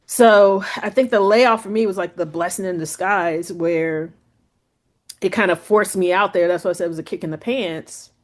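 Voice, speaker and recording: A woman guest on an interview show, telling her story in a casual, chatty way, peppered with "like" and "you know". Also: moderate pace. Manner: acts out quoted speech with lively pitch jumps. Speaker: guest photographer.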